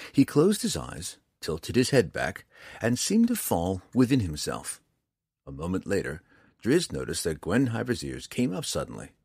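A man narrating a fantasy novel in an expressive storytelling manner, recorded close on a studio mic. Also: sits low, husky, dry recording. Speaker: audiobook narrator.

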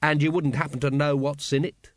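A man voicing a weary, hungover middle-aged male watch captain, dry and deadpan. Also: fairly high pitch, fairly quick, dry recording, close to an everyday voice.

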